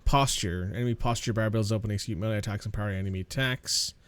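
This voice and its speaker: A man's voice: fairly low pitch, fast, clean tone, no echo. A man casually commentating while playing a video game, sarcastic and swearing freely. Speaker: gaming channel host. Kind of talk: let's play commentary.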